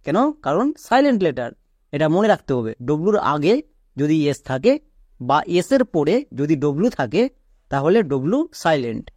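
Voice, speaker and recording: A man's voice: fairly high pitch, very animated, moderate pace, a little mellow, no echo, clean studio sound. A man teaching English pronunciation, patiently repeating rules, spelling words out letter by letter, and checking that students follow. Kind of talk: explanatory lesson.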